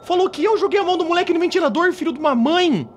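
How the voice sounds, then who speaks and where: Brazilian gamer guy, high pitched n super animated, yelps a lot, faint room hum. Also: very fast. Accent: Brazilian Portuguese. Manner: excitable, exclamatory, slangy. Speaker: gaming youtuber. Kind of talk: let's play commentary.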